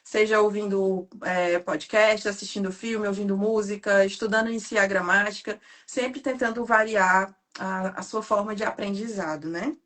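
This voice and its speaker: A woman from Ceará with a Cearense Brazilian Portuguese accent, hosting a casual live interview and telling stories quickly and animatedly. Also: medium pitch. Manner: fast talker, animated storytelling. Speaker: host.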